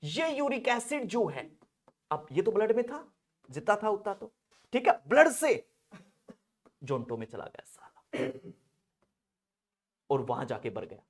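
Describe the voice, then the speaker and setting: A young man giving a lively classroom lecture on drugs for nursing students. He jokes constantly, acts out mock dialogues in other voices, and swings from quiet asides to loud shouts. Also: high voice, normal speed. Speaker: nursing pharmacology teacher.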